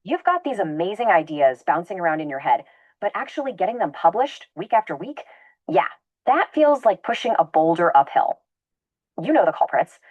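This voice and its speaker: A woman's voice: fairly low pitch, very animated, moderate pace, dry recording, dull audio. A woman narrating a scripted explainer video in an upbeat, conversational presenter tone.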